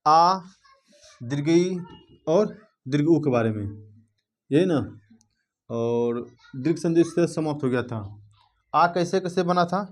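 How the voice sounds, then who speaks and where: A man's voice: on the high side, slow pace, long pauses. A man teaching a grammar lesson to students, asking them questions and checking in again and again with the class.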